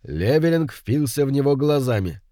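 Man narrating an audiobook, lively pitch. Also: moderate pace, no room sound, clean studio sound. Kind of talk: scripted narration of a detective story.

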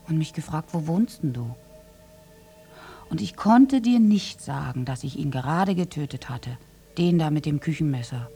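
A woman with a voice on the low side performs a German radio drama monologue as a lovestruck young prostitute marked by war. Her delivery is intimate and halting, shifting between a breathy hush and intensity.

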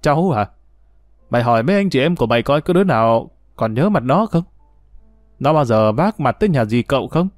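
A man's voice: medium pitch, animated, fairly quick, no echo, studio quality, faint music behind, close to an everyday voice. A man voicing a bitter, scornful older brother in a read-aloud story, scolding harshly.

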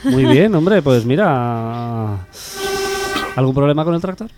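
A man from hosting a radio comedy show, telling jokes in an animated, jokey way. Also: medium pitch, takes it slowly. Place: radio studio. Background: electronic music.

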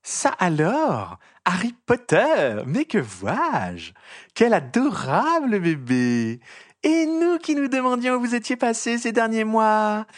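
Man playing a shrill, sly gossip reporter woman, slow sing-song taunts, dry close sound. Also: sing-song, dry recording, exaggerated voice. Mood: mocking. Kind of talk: audiobook reading.

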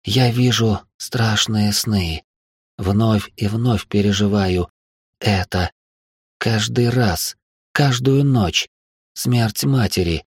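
A male narrator voices a wounded young princess, speaking slowly and weakly in a soft, dry voice. She sounds worn out and hopeless. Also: fairly low pitch, slightly rough, no room sound, exaggerated voice. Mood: weary. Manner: slow, faint and weary.

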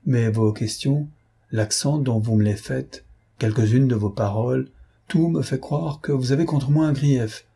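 Onésime, a man reading as a timid gentle young man. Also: mid-range voice, unhurried, gravelly, breathy edge. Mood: gentle, hesitant. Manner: soft, hesitant and trembling, yet dignified.

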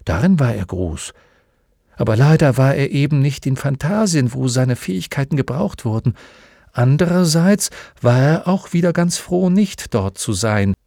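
A man reading an audiobook aloud in calm, measured storytelling narration into a close studio mic. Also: medium pitch, vocal fry, no echo.

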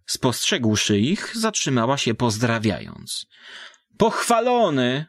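A man reading a literary story aloud in measured, dramatic narration, voicing the characters. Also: medium pitch, a bit bright, no room sound, studio quality.

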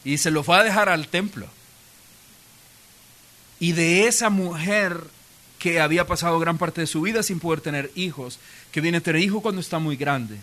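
A man delivers a church sermon. His voice sits high and bright, and he tells stories with humor, lively asides and quoted voices. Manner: storytelling with playful asides and acted quotes. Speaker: pastor. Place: church auditorium.

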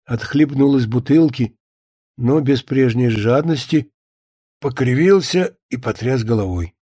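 A man narrating a story as an audiobook in a calm, measured reading. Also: mid-range voice, husky, no echo, studio quality.

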